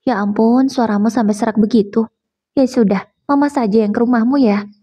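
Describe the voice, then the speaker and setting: A woman's voice: on the high side, fairly even intonation, brisk, mellow, breathy edge. A woman voicing a talkative, doting mother who scolds lovingly.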